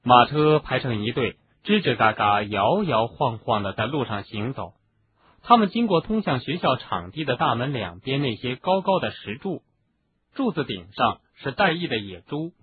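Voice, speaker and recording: A man narrating an audiobook in an expressive storytelling manner. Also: mid-range voice, moderate pace. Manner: expressive, doing voices for each character. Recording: narrow phone-like sound, faint hiss.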